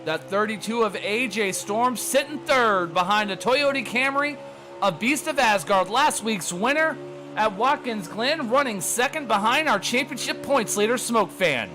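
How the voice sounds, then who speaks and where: Calling a sim race as its commentator, a man rattles off rapid, excited play-by-play and mentions he's out of breath trying to keep pace. His voice sits very high for a man, with faint music behind him.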